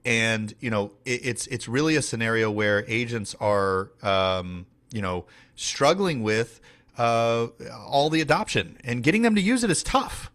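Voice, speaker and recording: A man's voice: medium pitch, expressive, measured pace, fairly bright tone. A man talking through a casual training session with lots of fillers and restarts. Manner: rambling, many fillers and restarts. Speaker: team leader and trainer.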